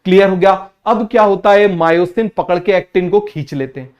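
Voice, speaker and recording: A young man teaching biology, constantly asking students whether it is clear and having them repeat terms. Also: sits high, a little fast, highs cut off. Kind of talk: online exam-prep class.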